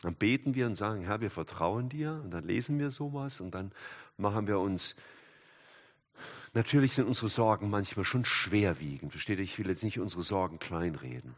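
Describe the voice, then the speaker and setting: An older man preaching a sermon, animated, swinging from loud exclamations to hushed asides and chatting with the congregation. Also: fairly low pitch. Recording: dull hall recording with long reverb.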